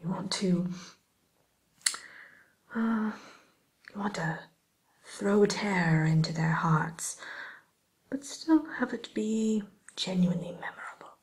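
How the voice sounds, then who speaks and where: A woman voicing a sly, sweetly courteous wicked witch tutor in a hushed, musing ASMR roleplay. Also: mid-range voice, close to an everyday voice, low-quality recording. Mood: coaching, snarky. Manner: hushed, unhurried, hesitant musing, faux-genteel.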